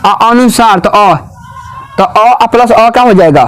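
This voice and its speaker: A man's voice: high voice, a little slow, clear, resonant tone. A man teaching a grammar lesson in a classroom, asking questions again and again and repeating the answers.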